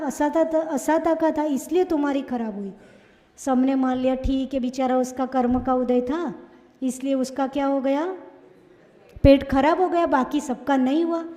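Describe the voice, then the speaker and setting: Woman preacher with an Indore accent; high, mellow voice, scolding rhetorical questions, sermon in a reverberant hall. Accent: Indian Hindi, Indore. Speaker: Jain nun preacher.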